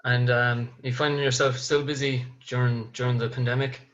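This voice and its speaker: A man's voice: mid-range voice, level tone, normal speed, a bit bright. A man with an Irish accent hosting a casual podcast interview, on slightly lo-fi audio. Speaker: podcast host.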